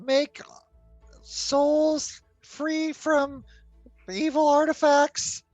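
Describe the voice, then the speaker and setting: A woman playing a tabletop game, casually switching between role-play and narration in a halting, animated way. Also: high-pitched, no echo, lo-fi sound. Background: faint music.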